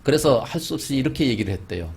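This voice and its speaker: Gravelly male pastor telling a sermon story. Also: lively intonation, fast. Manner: storytelling, with large swings in pitch and loudness. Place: church sanctuary.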